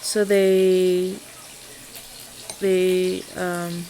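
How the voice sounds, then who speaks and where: A woman's voice: fairly low pitch, completely flat delivery, very slow, warm tone. A woman hosting a casual mukbang vlog, chatting as she chews while talking. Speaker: vlogger and host. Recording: sizzling food, clear background noise.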